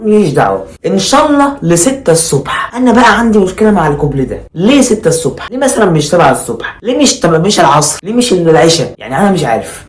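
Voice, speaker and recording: Egyptian male comic, observational monologue, extremely quick and exasperated, mid-range pitch, roomy echo. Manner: mock-exasperated, rhetorical questions, repeats himself. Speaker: stand-up comedian. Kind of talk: conversational observational stand-up comedy monologue.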